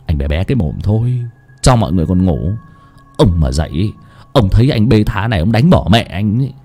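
A man voicing a nervous young village thug who mutters and stammers in a low voice. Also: sing-song, fairly quick, warm tone, husky, faint music behind, exaggerated voice. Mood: placating.

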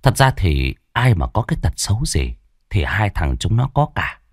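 A man narrating a ghost story in a grave, expressive way. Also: low-pitched, normal speed, breathy edge, no room sound, studio quality.

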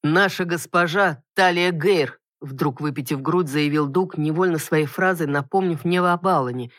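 A woman narrating a fantasy audiobook in steady first-person reading. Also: low-pitched, dry recording, studio quality.

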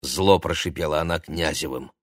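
A man narrating a children's story in an expressive storytelling manner. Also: a bass voice, moderate pace, dry recording, clean studio sound. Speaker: audiobook narrator. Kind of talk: scripted narration.

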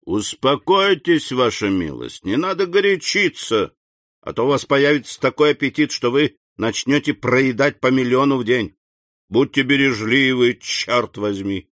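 A man reading aloud, voicing a calm, unhurried bandit chief who speaks low and coolly. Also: no echo, clean studio sound.

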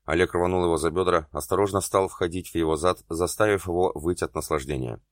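A man reading an erotic novel aloud as an audiobook narrator, in a steady, even way. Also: sits low, fast talker, no echo, clean studio sound.

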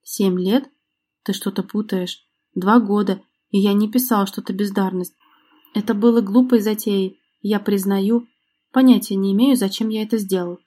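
A woman's voice: medium pitch, steady tone, moderate pace, warm tone, lightly acted. A woman reading an audiobook, voicing a bitter, confrontational man with a sarcastic, accusing manner. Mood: defensive.

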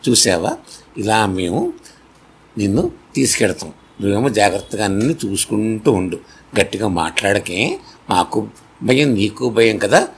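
A man voicing a pair of friendly, helpful swans in a children's story, in a creaky, husky voice with a reassuring, coaxing way of talking. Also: lowish voice, animated, measured pace, pauses often, a little hiss or hum.

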